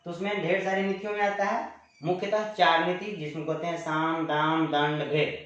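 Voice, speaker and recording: A man's voice: a little high, flat delivery, moderate pace, fairly bright tone. A man teaching grammar in a classroom-style lecture, explaining patiently, repeating each definition and drawing out example words in his terms. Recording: echoey room, dull lo-fi sound.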